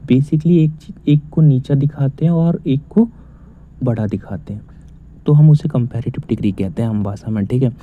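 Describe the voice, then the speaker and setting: A man teaching grammar, asking questions and then answering them himself. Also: mid-range voice. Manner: explains step by step, asks and answers own questions. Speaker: English teacher. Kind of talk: casual spoken lesson. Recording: tinny phone-like audio.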